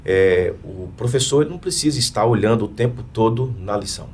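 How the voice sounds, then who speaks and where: A man's voice: on the low side, lively intonation, fairly quick, a little mellow, a little hiss or hum. A man with a Brazilian Portuguese accent speaking earnestly in a panel discussion and explaining with examples. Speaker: panel guest.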